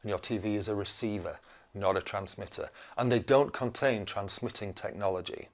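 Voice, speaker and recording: A fairly low-pitched British man in his fifties speaks at a normal pace as he rants to his camera. As a video blogger he comes across as cranky and indignant, stressing his words and asking one rhetorical question after another.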